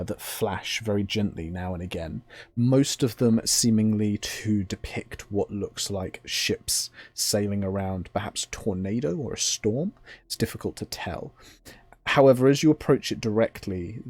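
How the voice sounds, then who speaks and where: Guy running a tabletop game, lowish voice, close dry sound, measured scene descriptions with pauses. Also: no echo. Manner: measured, descriptive, pausing between phrases. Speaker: game master. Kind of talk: narrating a tabletop role-playing game.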